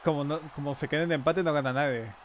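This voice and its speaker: A man giving casual, excitable live commentary on the game he is playing. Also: a little high, a crowd in the background. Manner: excitable, frequent quick exclamations. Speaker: streamer. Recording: noisy game sound underneath.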